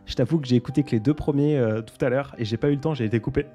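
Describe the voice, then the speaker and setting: A young man hosting a casual livestream, speaking softly, laughing often and reading out viewers' comments. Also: mid-range voice, very fast, soft background music. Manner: soft-spoken, laughs often, reads out comments. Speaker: livestream host.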